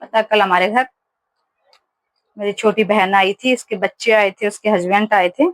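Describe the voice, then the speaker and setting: A woman's voice: medium pitch, fairly even intonation, moderate pace, dry recording. A woman vlogging casually at home, telling stories in a chatty way with many fillers. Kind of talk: casual home vlog chat. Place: home kitchen, indoors.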